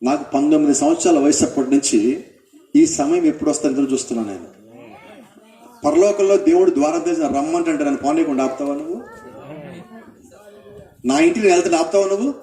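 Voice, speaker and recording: A man's voice: on the high side, fast, pauses often, mellow, reverberant, recorded from a distance. A male pastor preaching a sermon, asking the congregation questions and acting out what people say.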